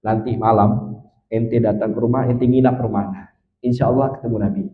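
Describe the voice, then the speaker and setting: A man voicing a calm, wise older male sheikh who speaks in an easygoing, teasing way, in an echoey, slightly dull recording. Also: mid-range voice, brisk, far from the mic, pitched below the performer's own voice, natural voice.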